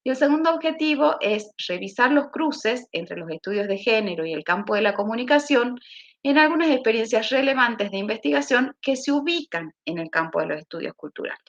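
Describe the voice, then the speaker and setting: A woman with an Argentine accent, a university lecturer leading an online seminar, explaining steadily with thinking pauses. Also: fairly high pitch, expressive. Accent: Argentine Spanish. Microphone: video call. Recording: dull lo-fi video call audio.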